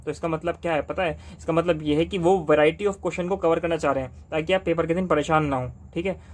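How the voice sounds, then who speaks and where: Speaking fast and insistently to camera, a young man from Delhi offers exam study tips, hammering points home with repetition and rhetorical questions. He's a young adult with a fairly high-pitched voice in casual speech.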